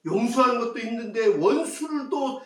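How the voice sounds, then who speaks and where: A male pastor with a high voice preaches a sermon and keeps putting questions to his congregation. He repeats his key phrases to drive them home. The sound is roomy and echoing, picked up from some distance away in a church. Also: animated, moderate pace. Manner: asks the congregation rhetorical questions. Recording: echoey church hall, mic at a distance.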